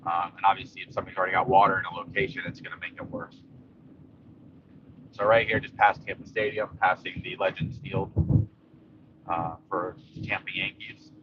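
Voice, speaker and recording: A man's voice: sits low, brisk. A man giving a casual, rambling, matter-of-fact live commentary while driving a car through rain. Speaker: local vlogger giving a storm update while driving. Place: inside a moving car in rain. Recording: dull lo-fi audio, steady car and rain noise.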